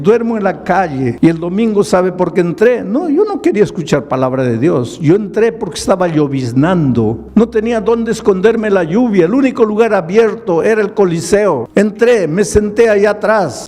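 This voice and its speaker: A man's voice: a little high, warm tone. A pastor voicing a remorseful middle-aged man who has given up drinking, confessing through tears. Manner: pleading, tearful confession. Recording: long hall reverb.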